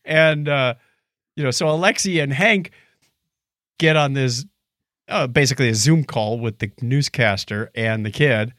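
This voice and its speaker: Speaking a little slowly in a mid-range voice, this middle-aged podcast host chats casually alongside a co-host. He is a lively, playful storyteller who acts out dialogue and hums, and the sound is dry and studio quality.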